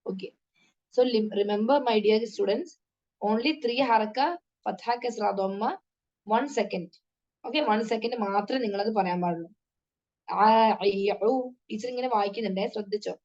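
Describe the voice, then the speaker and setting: A woman's voice: mid-range voice, slow pace, pauses often, a little mellow, muffled recording. A woman tajweed teacher giving an online class to children, patiently sounding out syllables one at a time.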